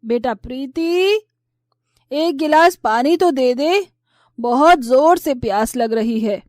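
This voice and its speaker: A woman voicing a spiteful older mother-in-law in a storybook tale, who scolds in a shrill, nagging way. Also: animated, takes it slowly, darkish tone, dry recording, studio quality. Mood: pleading. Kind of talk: storybook voice acting.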